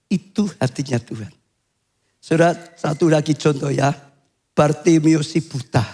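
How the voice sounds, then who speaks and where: Older male pastor, high voice. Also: unhurried, husky. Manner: swings to high shouting when acting out cries. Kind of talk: sermon.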